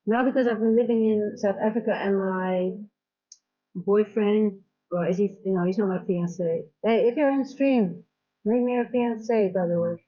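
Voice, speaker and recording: This woman, originally from the Netherlands and carrying a faint Dutch accent, hosts her own trading stream from home in South Africa. She talks openly in a loose, meandering style full of fillers and false starts, at a moderate pace in a mid-range voice, though the recording is muffled.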